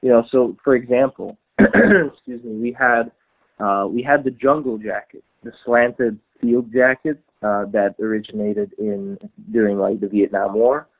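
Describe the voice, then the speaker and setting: A man talking casually about menswear in a podcast conversation, stopping and restarting his sentences often. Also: mid-range voice. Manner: halting, many restarts and fillers. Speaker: customer service at a trouser maker. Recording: tinny phone-like line.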